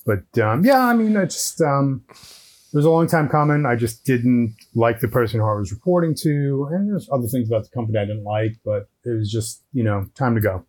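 A man chats as a podcast guest in a measured, deliberate storytelling manner. He talks into a headset microphone at an ordinary middle pitch. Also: expressive, a little mellow. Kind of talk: casual storytelling chat.

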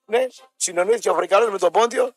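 Ένας άντρας, συμπαρουσιαστής ραδιοφωνικής εκπομπής, που αφηγείται αστείες ιστορίες σε χαλαρή κουβέντα και μιμείται τους διαλόγους. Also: male voice, high voice, soft background music. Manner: storyteller who acts out quoted exchanges, laughing. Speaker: radio show co-host. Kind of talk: casual joking anecdotes.

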